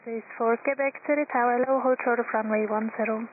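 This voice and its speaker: Fast female tower controller on tinny radio. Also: a little high, fairly even intonation. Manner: procedural, clipped phraseology. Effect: aviation radio. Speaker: air traffic tower controller. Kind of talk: formal air traffic control instructions. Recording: tinny, noisy aviation radio transmission.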